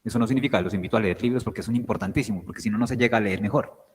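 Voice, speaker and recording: A man's voice: lowish voice, racing, husky, in a large hall. A man giving a guest lecture, explaining word parts and often asking "right?" to check that the class follows. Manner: explains with questions, checks understanding with "¿sí?".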